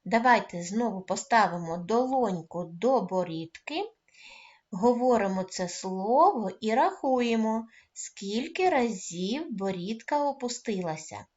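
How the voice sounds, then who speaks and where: A woman teaching a first-grade reading lesson, coaxing the children and praising them often, calling out words loudly and stretching their syllables. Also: medium pitch, lo-fi sound. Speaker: primary school teacher.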